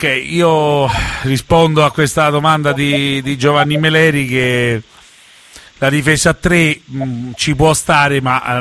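A man's voice: medium pitch, fairly bright tone. A man hosting a casual live football radio discussion. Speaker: radio show host.

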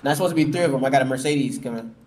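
A man chatting casually with a friend over a call while gaming, quick and eager as he points things out. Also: mid-range voice, a little mellow, a little hiss or hum. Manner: quick and eager, giving directions. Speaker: friend showing off his car in a game.

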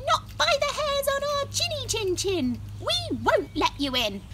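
A woman voicing the little pigs of a storybook in a high, squealing voice. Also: wildly swooping pitch, measured pace, bright, forceful tone, a little hiss or hum, full character voice. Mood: defiant. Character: three small frightened pigs, squeaky.

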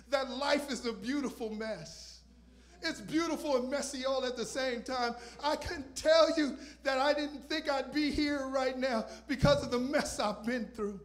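A man preaching a sermon on a church stage into a handheld microphone, moving between loud shouted lines and quiet asides. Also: extremely high pitch, fairly even intonation, moderate pace. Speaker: visiting pastor. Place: church stage with purple lights.

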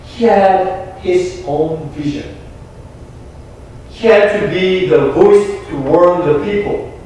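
A young man with a Korean accent, a pastor delivering an earnest, emphatic sermon with deliberate pauses. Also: sits high, darkish tone, slight background noise. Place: small church sanctuary. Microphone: room mic from a distant camera. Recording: echoey church from far off.

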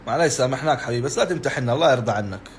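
A man's voice: mid-range voice, animated, very fast, slight background noise. A man preaching informally, who answers his viewers' comments in an earnest and exasperated way. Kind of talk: informal religious talk on a live stream.

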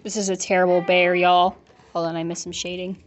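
A woman's voice: fairly low pitch, little pitch movement, a little fast. A young woman hosting her own channel, chatting casually and poking fun at herself while she draws. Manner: self-deprecating, chatty. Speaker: channel host drawing on camera. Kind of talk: casual chat while drawing. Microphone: phone or camera on desk.

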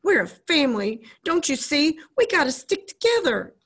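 A woman voicing a stubborn, loyal ten-year-old farm boy in a storybook reading, pitching her voice up to sound earnest and pleading. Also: animated, a little slow, vocal fry, slightly rough, full character voice.

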